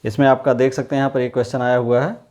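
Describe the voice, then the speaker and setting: A man's voice: medium pitch, little pitch movement, rapid-fire, darkish tone. A man teaching an exam-prep lesson, asking questions and then answering them himself while repeating the key words.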